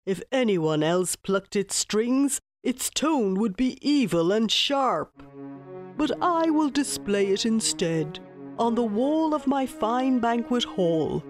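A woman's voice: fairly high pitch, expressive, takes it slowly, soft background music, pitched above the performer's own voice. A woman voicing a proud, scornful enemy king in a storybook tale. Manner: scornful, boastful.

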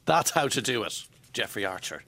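A man's voice: lowish voice, sing-song, moderate pace, vocal fry, pushed and bright. An Irish man hosting a chatty interview in a teasing, wry manner. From Ireland. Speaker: radio show host.

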